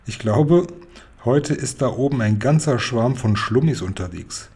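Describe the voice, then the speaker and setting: Storybook giant done by a male reader: old, kindly, excitable, garbled speech, mellow tone. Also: mid-range voice, measured pace, slightly rough. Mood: excited. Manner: excited, garbled word choices.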